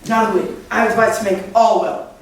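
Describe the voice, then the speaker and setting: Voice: mid-range voice, flat delivery, fairly quick, a little hiss or hum, lightly acted. A performer playing a bossy, self-important amateur actor who fusses over a play, speaking on stage. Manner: bossy, fussy. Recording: echoey hall from far off.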